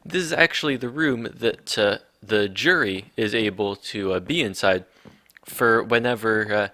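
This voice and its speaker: A man with a lowish, sharp, bright voice talks through his gameplay in loose, rambling commentary, full of fillers and mock outrage. The sound is close and dry, with no room around it. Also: unhurried, no echo. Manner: rambling, mock-indignant ranting with many fillers. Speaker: video game let's play host.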